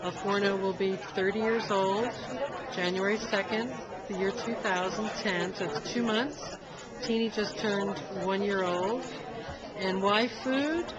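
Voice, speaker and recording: A woman's voice: mid-range voice, a little slow, highs cut off. Woman restaurant owner in a crowd. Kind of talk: short interview answer at a conference. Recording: loud crowd at a conference.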